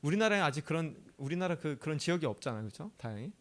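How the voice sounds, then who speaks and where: A pastor from Chungcheong, South Korea, preaches a sermon in a chatty, animated way at a racing pace. His voice is fairly high for a man and rises and falls widely. He keeps questioning the audience and laughs easily.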